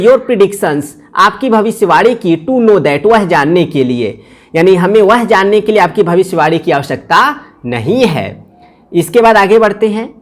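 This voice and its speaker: In a line-by-line lesson, a female English teacher reads phrases aloud at a very slow pace and then explains each one in Hindi. She has a mid-range voice.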